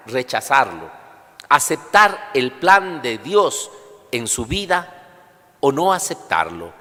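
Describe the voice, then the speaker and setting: A male priest's voice rings through a long, cathedral-like church echo. His pitch sits in the middle as he proclaims and preaches at Mass. The delivery is solemn, deliberate and instructive. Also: a bit bright. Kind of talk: liturgical proclamation and homily. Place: large reverberant church during livestreamed Mass.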